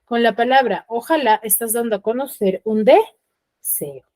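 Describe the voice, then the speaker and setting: A woman's voice: a little high, a little mellow, dry recording. Patient woman teacher checking in constantly. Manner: explains patiently, tags sentences with quick checking questions; reads example sentences with acted feeling. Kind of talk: online class lesson. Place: online class from home.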